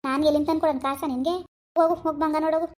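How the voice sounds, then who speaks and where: A woman's voice: high-pitched, fairly even intonation, a little mellow, natural voice. A woman voicing a scolding old village mother. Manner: scornful, scolding, rapid rural talk. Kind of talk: cartoon voice acting.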